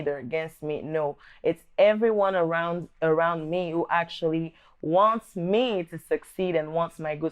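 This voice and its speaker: In a muffled recording, a young adult woman from the Democratic Republic of Congo reflects on her upbringing for her vlog. Her low voice is darkish, clear and resonant, and she speaks earnestly and thoughtfully, with a few restarts.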